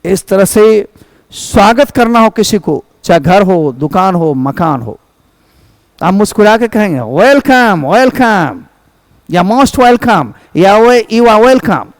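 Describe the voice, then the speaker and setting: A man's voice: high-pitched, expressive, slow, dry recording. A man teaching English phrases in Hindi, going over each phrase and glossing it, and calling his students his children. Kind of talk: spoken English lesson in Hindi.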